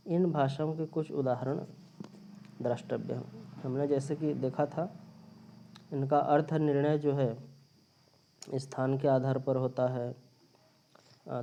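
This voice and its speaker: A man's voice: medium pitch, little pitch movement, measured pace, creaky, pauses often, mellow, highs cut off. A man teaching a recorded grammar lesson, explaining step by step and repeating his points. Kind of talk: recorded linguistics lecture. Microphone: phone or screen recorder.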